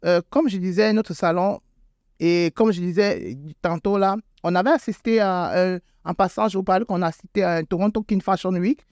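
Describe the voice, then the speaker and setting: A beauty salon owner, an adult with school-age children, answers a guest interview hesitantly, with lots of fillers and repeated words, her pitch rising sharply when she stresses a point. Her voice is lowish and darkish with fairly even intonation at normal speed, recorded in a clean studio with no echo.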